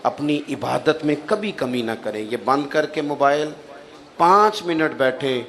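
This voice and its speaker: A man delivering a religious sermon, telling stories and acting out the voices in them. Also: fairly high pitch. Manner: animated storyteller, acts out quoted voices. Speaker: Islamic preacher. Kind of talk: Urdu religious sermon with storytelling.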